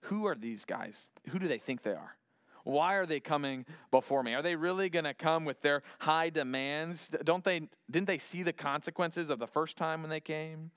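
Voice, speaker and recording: Scoffing haughty king, done by a man retelling a story, a touch lower and quieter, clean and smooth, close and dry. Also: normal speed, dry recording, lightly acted. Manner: mocking, dismissive. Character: scoffing proud male Egyptian king. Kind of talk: retelling a Bible story with acted quotes.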